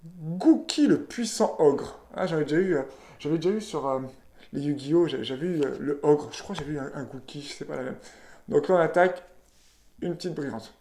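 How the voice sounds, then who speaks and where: A card-opening video host chats casually while unboxing trading card packs, reading the card names aloud and sprinkling in plenty of "voilà" and "ok." His voice sits a little high, with a fairly quick pace and a dark tone. The room is roomy and echoey.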